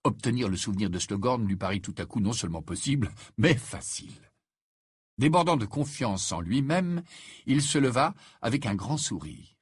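A man narrating an audiobook in an expressive storytelling manner with a husky voice. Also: medium pitch, moderate pace, dry recording, clean studio sound. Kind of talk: scripted narration.

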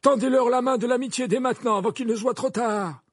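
A grave, commanding old wizard headmaster, voiced by a man reading a storybook aloud. The voice sits very high and husky, every word pressed slow and firm, recorded close and dry. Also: no room sound, exaggerated voice. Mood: stern. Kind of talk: audiobook character voice.

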